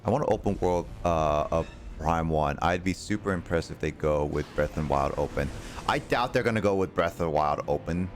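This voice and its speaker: A young video game streamer with a rumbling low voice gives casual live commentary on his gameplay at a fairly quick pace. He rambles and hesitates while thinking aloud, with game music playing behind him.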